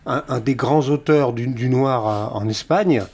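A man in a relaxed chat who speaks hesitantly, with fillers. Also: medium pitch, normal speed.

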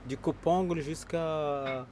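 A man running a small grocery shop, chatting and joking loudly with customers. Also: fairly high pitch, steady tone, takes it slowly, a little hiss or hum. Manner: jovial, teasing, greets customers loudly. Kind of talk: chatty talk with customers on camera.

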